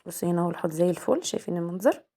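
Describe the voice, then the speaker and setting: A woman's voice: on the low side, lively intonation, racing, mellow, husky. A young woman with an Egyptian accent, chatting casually in a home vlog, talking straight to her viewers as girls and asking their opinion. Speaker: homemaker vlogger.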